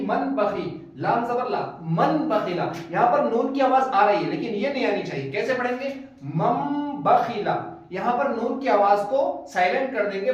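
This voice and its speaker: A man with a Pakistani Urdu accent, an online Quran tutor, patiently explaining tajweed rules and spelling out letters slowly with recited examples. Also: high-pitched. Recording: echoey, distant, dull lo-fi sound.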